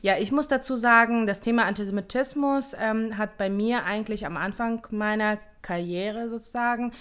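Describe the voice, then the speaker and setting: Ukrainian-born woman, smooth clear voice, chatty podcast co-host, lots of ums. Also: fairly high pitch, normal speed, fairly bright tone. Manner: hesitant, many fillers. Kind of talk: casual podcast chat.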